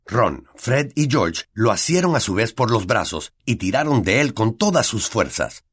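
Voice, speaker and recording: A man with a Latin American Spanish accent narrating a fantasy audiobook in an expressive storytelling manner. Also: fairly low pitch, a little slow, husky. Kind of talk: scripted narration.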